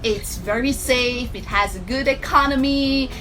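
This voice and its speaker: A middle-aged Swiss woman with a Swiss accent vlogs to camera, telling personal stories about her life. Her voice is high-pitched and sharp, her pace measured, and she's outgoing and chatty, calling her viewers "guys."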